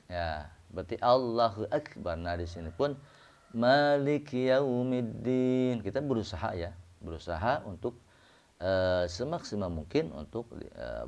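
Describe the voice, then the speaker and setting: A man from Indonesia teaching recitation, explaining slowly and chanting verses in long drawn-out tones. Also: low-pitched, a little mellow. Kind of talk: slow spoken lesson with chanted recitation examples. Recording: dull lo-fi recording.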